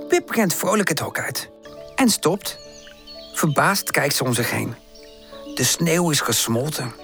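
A man reading a children's picture-book story aloud, lively and expressive. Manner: lively, expressive, shifts pitch for each animal character. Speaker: audiobook narrator.

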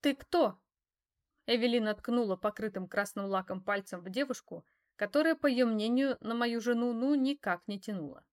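A woman reading a first-person novel aloud as an audiobook, in steady, even storytelling. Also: fairly high pitch, fairly quick, few pauses. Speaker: audiobook reader.

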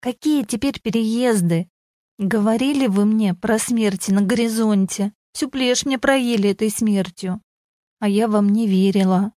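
A woman's voice: mid-range voice, a little slow, mellow, no echo, studio quality, close to an everyday voice. A woman reading a blunt, resigned woman. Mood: grim.

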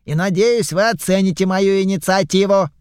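A man's voice: sits high, normal speed, darkish tone, smooth, no echo, studio quality, voice pushed up, natural voice. A man voicing a fussy old male goblin pirate who haggles, with a burring way of rolling his r's. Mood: wheedling. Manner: haggling, exclamatory, theatrical.

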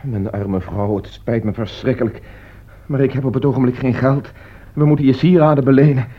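An actor playing a worried middle-aged doctor and family head in a radio play, speaking gravely and wearily. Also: male voice, medium pitch, fairly even intonation, natural voice. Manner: grave, weary and measured. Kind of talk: radio drama acting. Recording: dull lo-fi radio recording.

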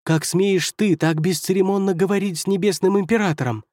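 A pompous celestial advisor who shrieks in high, strained outrage, voiced by a man. His lines jump well above the reader's usual pitch and get louder. The take is close and dry. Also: steady tone, brisk, no room sound, lightly acted. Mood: shrieking. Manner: shrieking, indignant, sputtering. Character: shrill pompous male celestial first advisor. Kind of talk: audiobook character voice.

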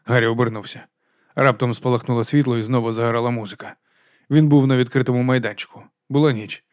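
Male audiobook narrator, mid pitch, calm and measured, close dry recording. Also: dry recording. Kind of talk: scripted narration.

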